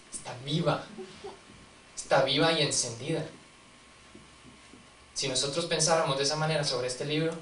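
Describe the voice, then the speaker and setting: A male preacher tells stories and asks his congregation questions in an easy, conversational way. His voice sits a little high and is picked up from afar in a reverberant church, with a faint room hum behind him. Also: a bit bright. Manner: conversational storytelling, acting out quotes, asking the congregation questions. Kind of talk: sermon. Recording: distant mic in a reverberant church, faint ambience.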